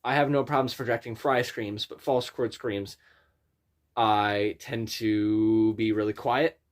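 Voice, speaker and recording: A man teaching screaming technique in a casual tutorial, explaining things in an informal, halting, rambling way. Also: lowish voice, steady tone. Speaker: scream vocal instructor. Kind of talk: casual spoken tutorial with vocal demonstrations.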